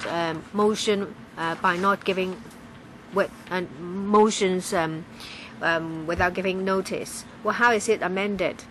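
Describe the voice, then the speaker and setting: A woman giving live interpretation of a legislative debate, halting, with frequent pauses and restarts. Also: mid-range voice, fairly bright tone, slight background noise, poor audio. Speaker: simultaneous interpreter.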